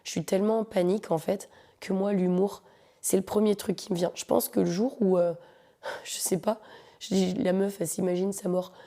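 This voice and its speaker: A woman's voice: mid-range voice, steady tone, normal speed, mellow. A woman hosting a podcast, telling a personal story in a casual, joking, slangy way and talking straight to her listeners. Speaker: podcast host.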